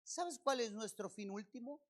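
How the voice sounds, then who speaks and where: Chilean pastor preaching with rhetorical questions. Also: male voice, very high-pitched, animated, normal speed. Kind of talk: sermon. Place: church service.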